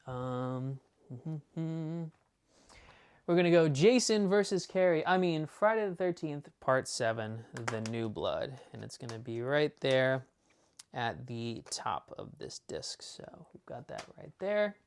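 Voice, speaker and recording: A man's voice: medium pitch, animated, clean tone. Rambling enthusiastic male movie collector. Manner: rambling, many fillers and restarts, enthusiastic; talks fast at times. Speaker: movie collector showing his discs. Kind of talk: casual unboxing chat.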